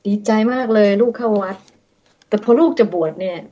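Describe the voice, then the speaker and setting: A woman's voice: mid-range voice, brisk, warm tone, muffled recording. A woman radio host politely chatting with a monk, often murmuring assent. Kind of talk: radio talk interview.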